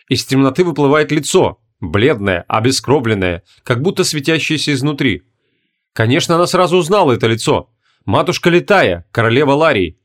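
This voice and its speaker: Man narrating a fantasy audiobook. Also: mid-range voice. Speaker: audiobook reader. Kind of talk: scripted narration.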